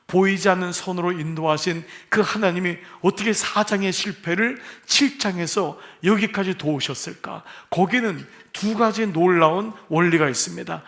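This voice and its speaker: Gravelly high-voiced Korean pastor preaching. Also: male voice, fairly bright tone. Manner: asks the congregation questions and jokes with them. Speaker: senior pastor. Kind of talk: sermon. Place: church sanctuary.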